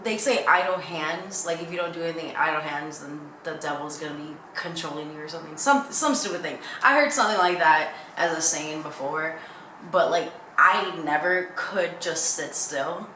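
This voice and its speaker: Young woman, lowish pitch, bright forceful tone, casual rambling vlog chat, candid, roomy echo. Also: normal speed. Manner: rambling, candid, jumps between thoughts. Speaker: YouTuber. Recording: echoey room with faint background noise.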